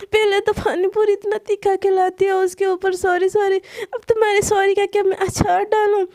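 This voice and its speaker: A woman's voice: very high-pitched, normal speed, mellow. A woman voicing a teasing, playful young woman who mocks and scolds her partner. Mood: scolding. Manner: mocking, bossy scolding. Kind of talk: storytelling role-play.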